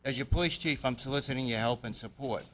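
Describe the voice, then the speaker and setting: A man's voice: mid-range voice, fairly bright tone. Guy, police chief, talking plain and earnest to the council, slight hiss behind. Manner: earnest, deliberate, plain-spoken. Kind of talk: formal public address. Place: city council chamber.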